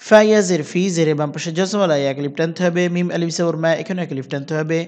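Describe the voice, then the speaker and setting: A man with a fairly high voice teaches Quran reading in measured steps. He spells out each letter and vowel sign, then recites the words slowly with drawn-out vowels. His voice trails off into a long, ringing reverb. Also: darkish tone. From Bangladesh.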